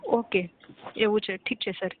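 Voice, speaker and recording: This woman acts as a customer care agent on a phone call, delivering scripted, polite service talk with formal courtesy and regular checks that the caller agrees. Her mid-range voice stays steady at a slightly slow pace. Along with the tinny phone line, there's slight background noise.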